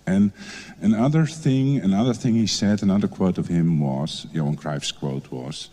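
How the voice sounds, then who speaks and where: In a conference room, a middle-aged man with a Dutch accent, head of a library department, gives a presentation. His mellow voice sits low and moves at a moderate pace, though his speech is halting, full of fillers and false starts.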